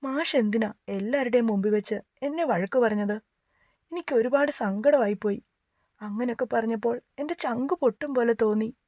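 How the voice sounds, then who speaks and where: A woman's voice: a little high, brisk, warm tone, no echo, close to an everyday voice. A woman voicing a hurt young wife who speaks plaintively, close to tears, in a romance audiobook. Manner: plaintive, pouting.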